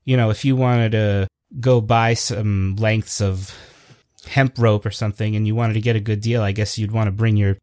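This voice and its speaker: A man's voice: lowish voice, fairly even intonation, moderate pace, a little mellow, no echo, studio quality. A man co-hosting a podcast in a casual chat, easygoing and explaining things at length. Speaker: podcast co-host.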